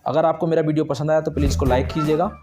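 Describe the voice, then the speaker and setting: A man's voice: fairly high pitch, fairly even intonation, very fast, over music. A young man from India teaching English letter sounds, asking and answering his own questions and repeating key points. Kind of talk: classroom-style explanation.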